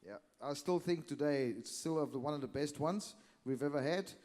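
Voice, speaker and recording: A man's voice: a little high, normal speed, a little mellow. A middle-aged man hosting a live cooking session in a convention hall, chatty and teasing. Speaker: host of cooking demo sessions. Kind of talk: casual live event hosting. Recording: hall reverb.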